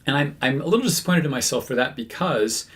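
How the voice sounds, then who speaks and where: A man who works as a medium and hosts his own channel chats casually to camera for his viewers, full of fillers and self-corrections. His mid-range voice is animated and fairly bright, and he talks fast.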